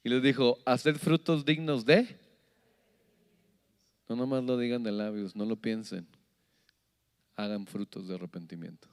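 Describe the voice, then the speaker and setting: A man preaching a sermon as pastor, animated, asking the congregation questions and acting out little scenes. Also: medium pitch, clear, resonant tone. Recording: long hall reverb.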